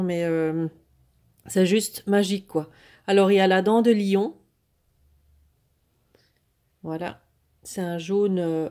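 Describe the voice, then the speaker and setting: A woman vlogger casually showing off craft supplies she bought, talking hesitantly with many fillers and restarts but clearly enthusiastic. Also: medium pitch, warm tone. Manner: enthusiastic about the products. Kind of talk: casual product haul chat.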